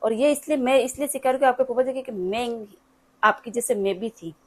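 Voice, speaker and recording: Woman, 30s, patient chatty home tutor, slightly high voice. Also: fairly even intonation, brisk. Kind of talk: casual home lesson.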